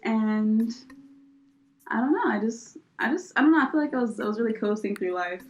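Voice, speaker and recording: A young woman from the US co-hosts a casual podcast, her slightly high voice rambling through fillers and breaking into frequent laughter. Faint music plays softly underneath. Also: animated, a little fast, muffled recording. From United States. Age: young adult. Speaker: podcast co-host. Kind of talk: casual chat.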